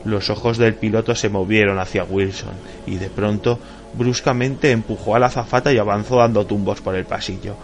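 A man reading a horror story aloud in a measured, suspenseful way as an audiobook narrator. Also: lowish voice, fairly even intonation.

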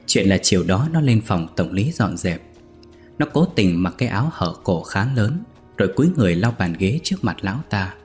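A man reading a ghost story aloud in a steady, measured way. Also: low voice.

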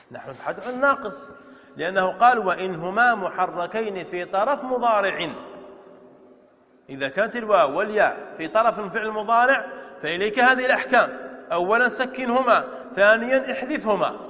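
Fields: Sex: man. Pitch: high. Role: grammar teacher. Style: classroom lecture, slow and repetitive. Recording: dull, echoey hall. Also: pushed and bright. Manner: explains slowly, repeating words and drawing out vowels; asks students questions and answers them himself. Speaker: Islamic scholar teaching Arabic grammar.

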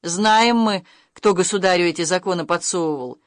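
A reader voicing a mocking, quick-tempered young nobleman in an audiobook, with a sneering, heated delivery. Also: medium pitch, no echo, studio quality, lightly acted. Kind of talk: audiobook reading of character lines.

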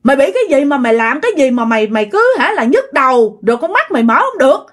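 A woman's voice: high voice, sing-song, quick pace. A woman voicing a worried older parent who scolds a grown son, with a Southern Vietnamese accent. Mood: worried scolding. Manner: scolding questions.

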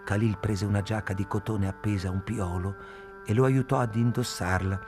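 A man reading a novel aloud in a measured, even narration. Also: lowish voice, over music. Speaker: reader. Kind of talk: scripted audiobook narration.

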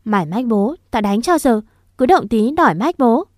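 Woman doing a bossy teen village boy, argues a lot, raised pitch. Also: very animated, moderate pace, a little mellow, no echo, clean studio sound. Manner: quarrelsome, then tearful.

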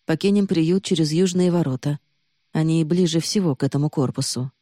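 A woman reading the lines of a young man who is harsh and reproachful, then hushed and urgent. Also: sits low, a little fast, dry recording, studio quality. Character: young man, accusing, then desperately protective.

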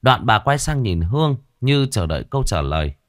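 A man narrating a horror story, dramatic and expressive. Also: mid-range voice, moderate pace, no room sound, clean studio sound.

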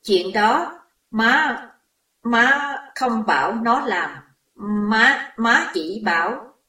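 A woman's voice: medium pitch, animated, slow, fairly bright tone. A woman voicing a frightened older mother, shaken and guilt-ridden, recorded in a roomy space away from the mic. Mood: shaken pleading. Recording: roomy echo, distant mic.

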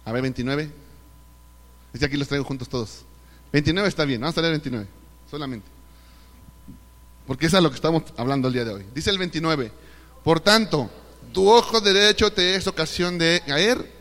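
Animated Mexican pastor preaching in a reverberant hall. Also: male voice, on the high side, normal speed, long pauses. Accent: Mexican Spanish. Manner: animated preaching, rhetorical questions, acting out quoted voices. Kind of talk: sermon. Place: church service hall. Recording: live recording with long hall reverb.

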